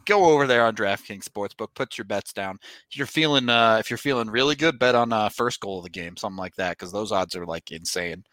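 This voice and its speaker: A man's voice: lowish voice, fairly quick, a bit bright, no echo. Casual American man hosting, dry close sound. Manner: informal, chatty. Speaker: sports podcast host. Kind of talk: casual sports talk and ad reads.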